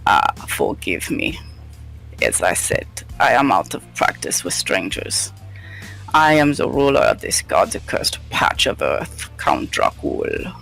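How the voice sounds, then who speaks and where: A man voicing an ancient hunched vampire count who speaks slowly and formally in a deep, gravelly voice. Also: huge pitch swings, fairly bright tone, faint music behind, full character voice, poor audio. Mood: courtly. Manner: slow, formal, deep-voiced host speech.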